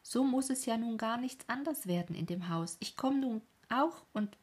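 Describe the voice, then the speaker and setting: Lady doing a sweet timid little boy, high n breathy. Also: lively intonation, normal speed, a little mellow. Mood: earnest. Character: gentle, shy young boy.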